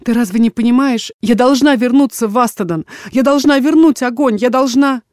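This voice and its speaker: A woman's voice: on the high side, a little fast, darkish tone, dry recording, voice pushed up, lightly acted. Woman reading a defiant young daughter, pleading, urgent, emotional, dry close audiobook sound.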